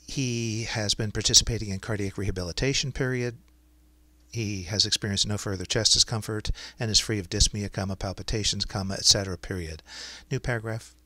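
A man dictating medical notes aloud to speech recognition software, in clinical phrasing with punctuation spoken out. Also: lowish voice, steady tone, brisk, no echo. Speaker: software demonstrator.

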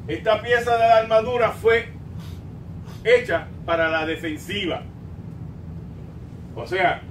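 An older pastor with a Puerto Rican Spanish accent preaches emphatically from the pulpit of a small church sanctuary, swinging between drawn-out emphasis and quieter asides. The roomy recording comes from a distant mic, with rumbling background noise.

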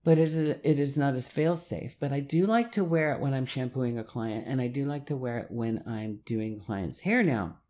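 A man's voice: mid-range voice, moderate pace, hardly any pauses, a little mellow. A middle-aged man, a hairdresser, giving advice to camera while seated in a small room, stressing points by repeating words and gesturing as he talks. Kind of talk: talking-head advice video.

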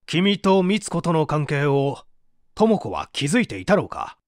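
In a dramatised mystery audiobook, a male reader voices a stern, relentless prosecutor and accusing interrogator, sounding authoritative, pressing, probing and measured. His voice sits high with big pitch swings at a moderate pace, recorded as clean studio sound with no room echo.

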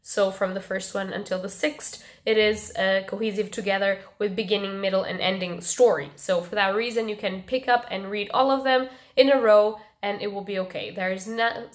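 A young woman with a stuffed, nasal voice and little voice left, chatting casually in a book review vlog and pausing to breathe. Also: medium pitch. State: stuffed nose, losing her voice. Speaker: book vlogger.

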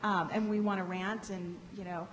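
A woman's voice: medium pitch, little pitch movement. Middle-aged woman panelist, explains step by step, stand mic, long hall echo. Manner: measured and explanatory, with frequent restarts. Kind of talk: conference panel discussion. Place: large conference hall stage. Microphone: microphone on a table stand. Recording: reverberant hall, faint background hiss.

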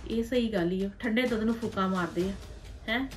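A woman playing a meddling, sharp-tongued village aunt who gossips and scolds in a web series drama. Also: mid-range voice, fairly quick, faint music behind, lightly acted. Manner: gossipy, scolding, ends remarks with "haiṅ?". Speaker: paternal aunt.

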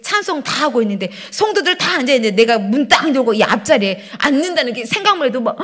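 A woman pastor preaches a sermon from the pulpit of a church sanctuary. Her voice sits high and swings widely in pitch as she tells a story in an animated way, acting out her own prayers along the way. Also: quick pace.

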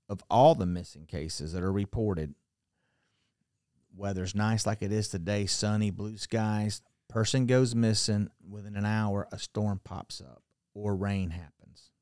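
A middle-aged man, seated in a book-lined study, tells a strange story to a podcast boom mic. His voice sits low and the sound is dry and close. He gestures as he talks, restarts his sentences, and lets his voice sink to near a murmur at the ends. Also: unhurried, clear, resonant tone, no echo. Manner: animated, gestures a lot, restarts and trails off quietly. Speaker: podcast guest. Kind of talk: storytelling conversation. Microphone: studio mic on a boom arm.

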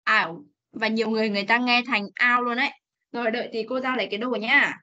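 A woman's voice: fairly high pitch, steady tone, quick pace, pushed and bright, highs cut off. A young Vietnamese woman teaching English on a video call, coaxing students to repeat and drilling their pronunciation. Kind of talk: online class teaching.

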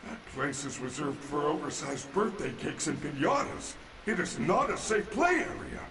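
A gentle caring robot bear. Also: male voice, a little high, moderate pace, noisy background. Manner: calm, formal robotic phrasing, kindly. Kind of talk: video game character dialogue.

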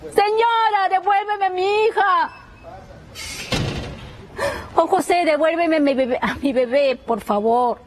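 A woman's voice: extremely high pitch, takes it slowly, long pauses, noisy background. A woman, a mother pleading and crying on a city street for her baby to be returned. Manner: pleading, crying, repeating herself.

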